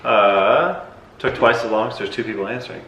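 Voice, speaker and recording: The speaker is a young man, vlog host and decathlete, chatting through a casual Q&A with plenty of fillers and hesitation. His voice sits on the low side, sharp in tone, at a moderate pace. The audio is dull, echoey, and faintly noisy.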